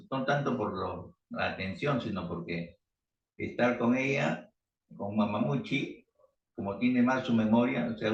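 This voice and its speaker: A man's voice: lowish voice, muffled recording. A man, leading an online church meeting and giving an informal sermon full of fillers and restarts. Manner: rambling, with frequent fillers. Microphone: video call. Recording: roomy, distant video-call audio.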